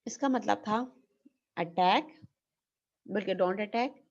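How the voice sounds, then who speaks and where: A woman's voice: mid-range voice, slow pace, gravelly, muffled recording. A woman teaching an online class, explaining step by step and asking questions she then answers herself. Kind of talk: online lecture.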